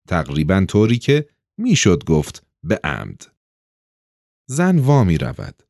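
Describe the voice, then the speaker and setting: A man narrating an audiobook in an expressive storytelling manner. His voice sits low and moves widely up and down across the lines. The recording is dry and close, with no room sound. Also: no echo. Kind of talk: scripted narration.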